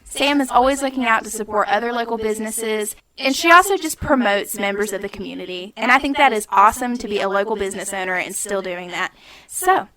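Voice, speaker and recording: A woman podcast host giving an upbeat shoutout to a local business. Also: mid-range voice, fast, rough recording. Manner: upbeat and promotional. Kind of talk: reading a sponsor shoutout, then casual chat.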